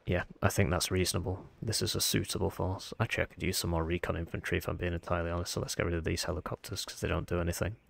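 A man with a croaky, froggy voice, sounding unwell, giving casual game commentary as he thinks aloud. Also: deep voice, little pitch movement, racing, hardly any pauses. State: under the weather, sick voice. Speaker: gaming video host.

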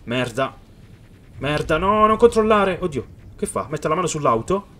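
A man giving excited let's-play commentary on a video game, reading the game's dialogue aloud and talking straight to his viewers. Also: a little high, moderate pace. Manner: excited, calls viewers "raga" often. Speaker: gaming youtuber.

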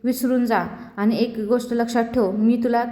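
A woman's voice: a little high, fairly even intonation, moderate pace, dark tone, close to an everyday voice. A woman playing a stern, scolding mother. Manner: scolding, firm. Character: stern middle-aged mother refusing her son. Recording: echoey room.

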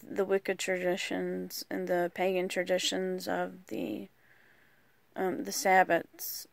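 Woman chatting about her card deck, hesitant, kinda gravelly, unhurried. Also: lowish voice, monotone, no room sound. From rural United States. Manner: rambling, hesitant, lots of ums. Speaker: vlogger. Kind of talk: casual card walkthrough.

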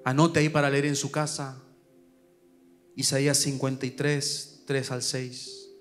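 A male pastor with a Paraguayan Spanish accent, preaching a sermon at a church service, swinging from loud urgent calls to hushed asides. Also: medium pitch, little pitch movement, measured pace, soft background music.

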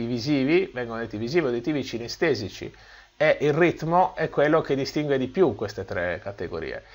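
A man giving a video lesson on using the voice, explaining tone, volume and pace and demonstrating each one aloud. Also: a bit bright. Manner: demonstrative, swings pitch and volume for examples. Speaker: voice and communication coach.

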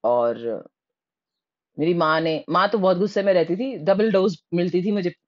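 A woman from Rajasthan telling her own childhood memories in a lively, animated way, slipping English words into her speech. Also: on the low side, moderate pace, muffled recording. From Rajasthan, India. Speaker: storyteller. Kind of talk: personal storytelling.

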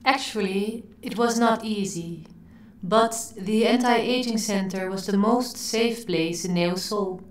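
A woman playing a calm, self-assured woman artist who speaks in a poised, declamatory manner. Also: mid-range voice, slow pace, slight background noise, natural voice. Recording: roomy echo.

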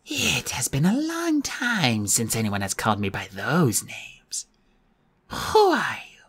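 A man's voice: mid-range voice, wildly swooping pitch, takes it slowly, a bit bright, breathy edge, exaggerated voice. A man voicing an imperious ancient cat goddess. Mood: commanding. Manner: commanding, haughty.

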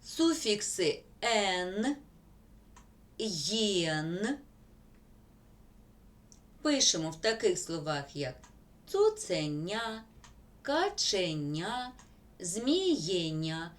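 A woman teacher, slowly dictating word examples in a school grammar lesson. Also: fairly low pitch, very animated.

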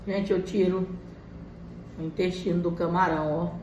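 Eating in a small room at home, this mukbang vlogger, a Brazilian woman in her thirties, chats briefly and casually with viewers. She speaks at a normal pace in a darkish, lowish voice with fairly even intonation. The recording has a roomy echo and faint background noise.

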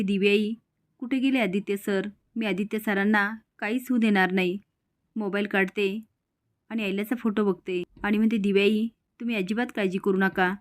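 A woman's voice: mid-range voice, no room sound, clean studio sound. Woman, storytelling recap of a TV serial, voices every character's lines in her own plain voice. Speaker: narrator recapping a TV serial episode. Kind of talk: storytelling recap with quoted dialogue.

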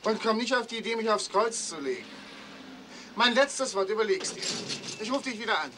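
An actor playing a shifty, cocky young blackmailer in a 1960s German crime series. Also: male voice, high-pitched, expressive, brisk, music in the background. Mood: cocky, threatening.

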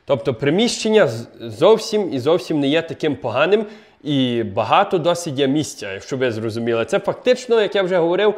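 A man's voice: on the high side, big pitch swings, fairly quick. A young man casually showing a basement apartment on a handheld phone camera, chatty with many fillers and restarts. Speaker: vlogger giving a home tour. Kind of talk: casual walking tour vlog. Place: outdoors in snow, then indoors in a basement apartment.

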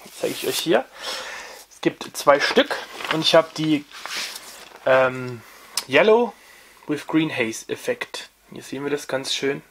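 A man's voice: fairly high pitch, animated, takes it slowly, long pauses, fairly bright tone, a little hiss or hum. A young man hosting a casual record review, talking off camera with many fillers and restarts. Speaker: vinyl review channel host.

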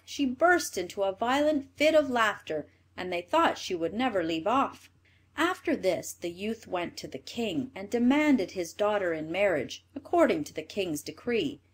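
A woman reading a fairy tale aloud in an expressive storybook manner. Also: medium pitch.

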